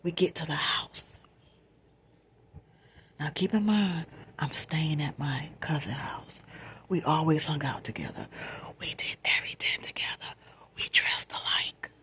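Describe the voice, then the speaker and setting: An American woman tells a personal story in a soft, breathy, quiet late-night whisper, speaking informally with slang and repeated phrases. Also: low voice, normal speed.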